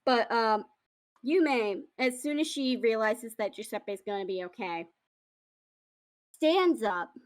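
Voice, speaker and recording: A woman chats casually as a player in a tabletop game. Her voice is high and very lively, with an unhurried pace. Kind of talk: casual chat.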